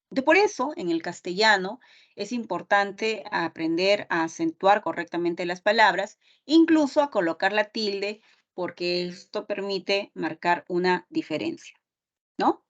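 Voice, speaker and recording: A woman's voice: medium pitch, expressive, measured pace. A woman teacher giving an online class, explaining step by step and often checking in with the students. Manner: explanatory, with frequent checking tags like ¿ya? and ¿no?. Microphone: computer mic on a video call. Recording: dull lo-fi online call audio.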